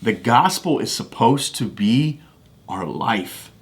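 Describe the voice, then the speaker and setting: A man hosts a faith-based podcast, speaking into a studio microphone. He talks in a casual, folksy way, restarting phrases as he tells a personal story. His pitch sits in the usual middle range for a man. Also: animated, slow pace. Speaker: podcast host.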